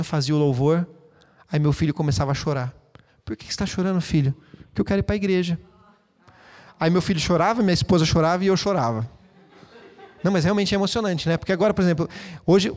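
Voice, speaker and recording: A man preaches in a high, bright-sounding voice, talking to his congregation in a lively, chatty way full of playful asides. His words ring out with the long reverb of a church hall. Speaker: pastor. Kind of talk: sermon.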